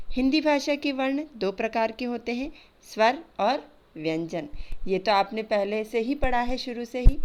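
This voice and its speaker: A woman's voice: on the high side, darkish tone, slight background noise. A woman teaching a grammar lesson to children, patiently spelling out letters and sounds one by one over slides.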